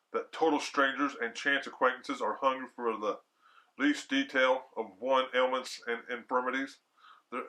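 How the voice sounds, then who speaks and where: Over a rough recording, a man who hosts a horror show reads a story aloud with theatrical flair, breaking off for slangy, chatty asides. He has a mid-range voice with a sharp tone.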